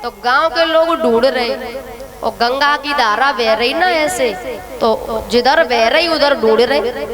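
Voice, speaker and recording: A woman's voice: high voice, slow, crowd noise. A woman preacher giving a devotional sermon, telling a parable and speaking directly to her listeners with teasing asides.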